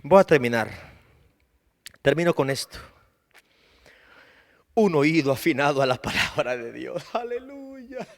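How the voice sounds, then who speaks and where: A man preaching a fervent sermon at a church service, swinging from soft asides to loud, drawn-out shouts and calling out to listeners by name. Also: mid-range voice, creaky, no echo, studio quality. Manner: repeats key phrases and calls out to listeners by name. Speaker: pastor.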